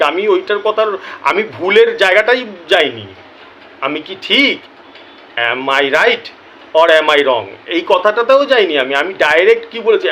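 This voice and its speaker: A man with a Bengali accent, hosting a lottery result channel and talking casually to his viewers, apologetic and chatty, keeps clearing his throat. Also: high voice, a bit bright, slight background noise, rough recording. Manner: chatty, repeats "ঠিক আছে?", apologetic. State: throat troubling him.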